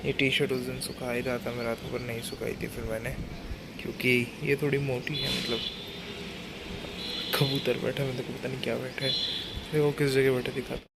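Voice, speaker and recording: A man chats to his viewers in a casual phone vlog from an apartment balcony as rain falls, amid loud background noise. He speaks briskly in a flat, creaky, medium-pitched voice, wandering off track, correcting himself, and throwing in asides.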